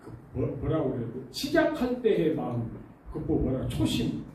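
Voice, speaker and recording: A man preaches in a very dark, mellow voice, pitched a little high for a man. He keeps the congregation involved with stories and rhetorical questions. The sound is a very echoey church hall, with his voice picked up from some distance away from the mic. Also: wildly swooping pitch, moderate pace, slight background noise. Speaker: pastor. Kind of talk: sermon. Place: church sanctuary.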